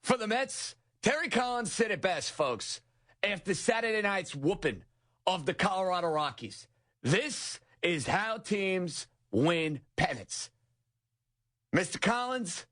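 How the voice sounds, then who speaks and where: A young man hosting an overnight sports talk radio show, delivering an energetic, emphatic monologue. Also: high voice.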